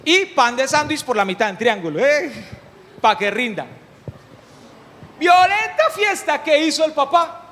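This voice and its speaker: A man preaching a sermon, animated and humorous, often putting questions to the congregation. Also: very high voice, a little slow, pauses often, slight background noise. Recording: long hall reverb.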